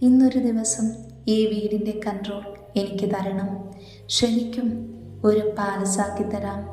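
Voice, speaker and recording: A tired young man of means speaks softly in a storybook, as a woman reader takes his part. His voice is mellow and low-key, set in a big echoing room with a long reverb tail. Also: fairly even intonation, unhurried, soft background music, natural voice. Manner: tired, soft-spoken. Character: young man, weary rich heir.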